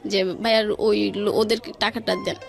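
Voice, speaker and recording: A woman with a Bangladeshi accent narrates a personal story informally, connecting events with quoted dialogue, in a radio studio with faint background music. Her mid-range voice carries vocal fry, and her delivery is flat at a normal speed.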